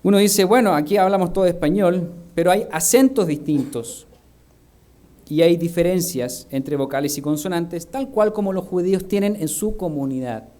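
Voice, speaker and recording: Man, Chilean Spanish accent, fairly high voice, preaching, rhetorical questions. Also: normal speed, mellow. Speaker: minister. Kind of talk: sermon. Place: church.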